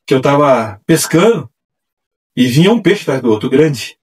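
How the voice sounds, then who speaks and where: Male evangelist guest with a husky voice, lively storytelling delivery, picked up by a distant mic. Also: on the high side, normal speed. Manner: animated, acts out quoted voices. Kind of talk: testimony storytelling.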